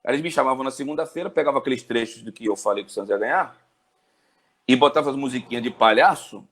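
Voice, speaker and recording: Fast-talking husky man in his forties. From Brazil. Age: 40s. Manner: animated storyteller with big pitch jumps. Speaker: sports journalist guest. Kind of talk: storytelling interview chat.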